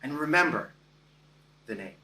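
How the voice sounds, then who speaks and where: A man delivers a contest speech, telling his story with deliberate pauses, high and bright in tone. His slow delivery swings expressively. He is heard from a distance in an echoey meeting hall. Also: expressive. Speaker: contest speaker.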